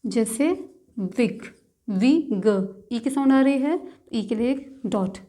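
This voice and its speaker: A woman teaching shorthand in a patient lesson, slowly breaking words into their sounds one by one. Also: a little high, warm tone. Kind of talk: step-by-step instructional lesson.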